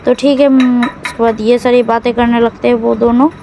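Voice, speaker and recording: A woman's voice: fairly high pitch, little pitch movement, normal speed, gravelly, noisy background. Rambling woman retelling a drama plot. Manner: rambling, self-correcting, loose storytelling. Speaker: drama recap narrator. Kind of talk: casual Hindi plot recap.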